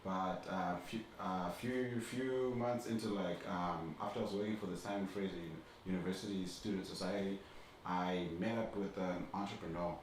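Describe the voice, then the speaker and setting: A man's voice: sits low, fairly even intonation, moderate pace, few pauses. A young man from Zimbabwe, a podcast guest, telling his story in a rambling, hesitant way with many fillers. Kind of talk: casual podcast chat. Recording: very echoey room, faint noise.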